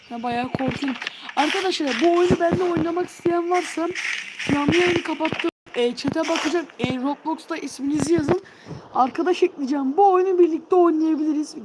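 A young Turkish woman streaming a horror game live, jumpy and yelping in fright as she talks to her chat. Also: high voice. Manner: jumpy, yelps and shrieks in fright. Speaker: livestreamer. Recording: loud background noise.

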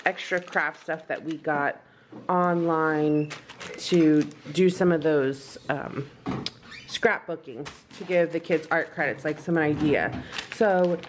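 In a home vlog, a woman in her thirties chats casually at her kitchen and dining table, rambling in a practical way as she shows off food and craft supplies. Her voice is fairly low, with slight background noise.

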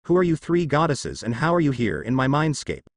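A shy, polite young ninja from a storybook, voiced by a male narrator. He asks questions respectfully, with a lively rise and fall. The sound is close and dry. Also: mid-range voice, a little fast, creaky, no echo. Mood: curious. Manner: respectful, curious.

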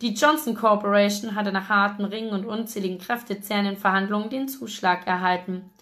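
A woman reading a novel aloud in a lively, expressive audiobook narration. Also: medium pitch, brisk. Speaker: audiobook reader.

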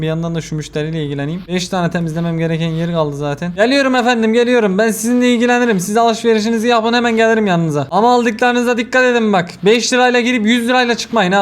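A young man hosting a casual let's-play video, joking and exasperated as he talks to himself. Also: high voice. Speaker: gaming video host.

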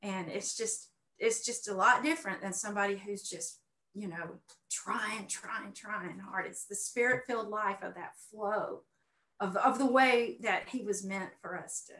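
On an echoey, roomy video call from her home, a middle-aged guest who paints and teaches art recounts her personal experiences. Her mid-range voice is unhurried with a sharp edge, and she talks earnestly and effusively, often repeating phrases for emphasis.

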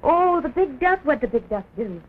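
An actress playing a doting woman who coos and laughs softly while caring for a little girl, in early talkie film acting. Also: high voice, sing-song, normal speed, phone-quality sound, over a noisy crowd. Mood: tender. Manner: cooing, soft and laughing. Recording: scratchy 1920s film sound, hissy.

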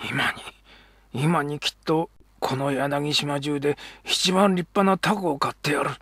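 A man doing a husky, brooding Edo actor. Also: mid-range voice, steady tone, moderate pace, a bit bright, no echo, clean studio sound. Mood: tender, pained. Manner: rough Edo dialect, brooding and earnest. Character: proud, struggling Meiji-era kabuki actor, middle-aged man.

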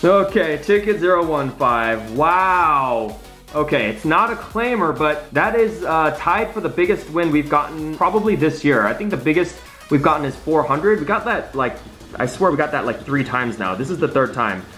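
A man's voice: on the high side, expressive, moderate pace, fairly bright tone, faint music behind. A man hosting a vlog with casual play-by-play, half talking to himself and repeating phrases. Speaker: scratch-ticket vlog host.

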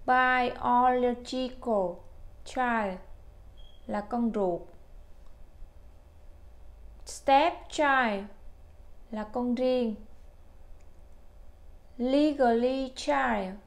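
A Vietnamese-native woman teaching English to older learners, repeating phrases slowly and carefully. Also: on the high side, lively intonation, a little mellow. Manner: slow, careful spelled-out English drills. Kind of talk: language lesson for older learners.

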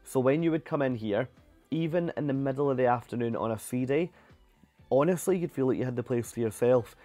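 A man's voice: mid-range voice, fairly quick, mellow, no room sound, faint music behind. A young man narrating a cruise ship tour in a chatty, enthusiastic way, often repeating words for emphasis.

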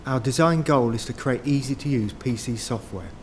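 Calm man introducing his software work. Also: mid-range voice, moderate pace, slight background noise. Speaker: software developer. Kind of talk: scripted self-introduction.

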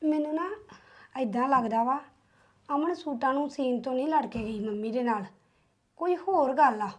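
A woman plays a young Punjabi wife with a Punjabi accent and a high voice. She speaks defensively and probes her husband with her suspicions. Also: moderate pace, darkish tone.

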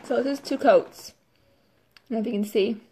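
A woman's voice: on the high side, a little fast, mellow. A woman hosting a casual live makeup demo, chatty and filling her talk with "like" and "totally". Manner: chatty, says "totally" and "like" often.

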